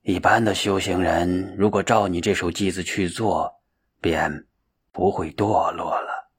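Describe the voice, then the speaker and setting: A man doing a slow, husky old Zen master. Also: low voice, fairly even intonation, pitched below the performer's own voice. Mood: grave. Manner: slow, weighty, sighing. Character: old male Zen patriarch, calm, grave.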